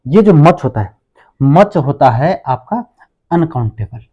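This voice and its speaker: A man teaches grammar in a lively voice that keeps rising and falling. His tone is mellow and fairly high. He asks his own questions and then answers them slowly. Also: breathy edge, highs cut off. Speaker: English teacher. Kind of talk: classroom grammar lesson.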